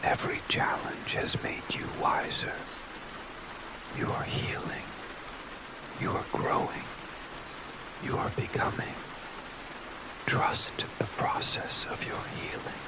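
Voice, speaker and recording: Male ASMR narrator for sleep affirmations: soft spa whisper throughout, very slow, gentle and soothing. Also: low-quality recording. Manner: gentle, soothing, unhurried guided-relaxation delivery.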